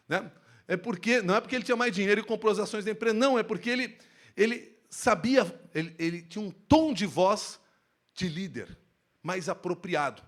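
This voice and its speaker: A man speaking on stage at a workplace safety event, giving an expressive live lecture into a handheld microphone. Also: high-pitched. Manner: animated, expressive, shifts tone to demonstrate.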